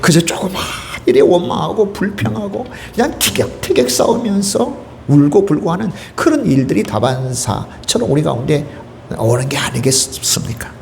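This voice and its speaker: A man's voice: fairly high pitch, normal speed, creaky, a little hiss or hum. A middle-aged man preaching a sermon as pastor, asking the congregation questions and acting out quotes. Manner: lively preaching with call-and-response questions and acted quotes.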